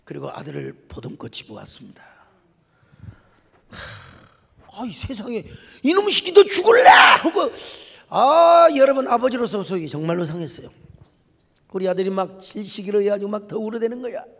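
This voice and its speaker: A middle-aged man preaching in a large church sanctuary, his high voice ringing with long reverb. He tells his story dramatically, dropping to hushed tones, then rising to shouts. There is a gravelly edge to his words. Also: wildly swooping pitch, normal speed, long pauses. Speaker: pastor. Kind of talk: sermon.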